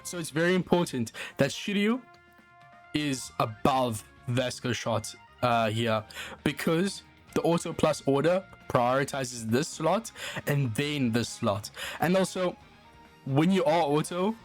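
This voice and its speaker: A man's voice: a little high, lively intonation, unhurried. A man with a South African accent hosting a gaming channel, casually walking through a team strategy with frequent filler words. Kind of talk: game strategy walkthrough. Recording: voice-over with faint guitar music underneath. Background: faint background music.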